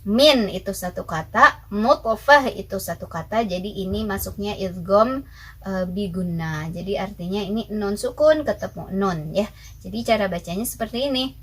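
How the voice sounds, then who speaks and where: A young adult woman gives a recorded tajwid lesson, patiently teaching Quran recitation rules step by step and posing her own questions before answering them. Her mid-range voice moves at normal speed with a breathy edge, and the recording is rough.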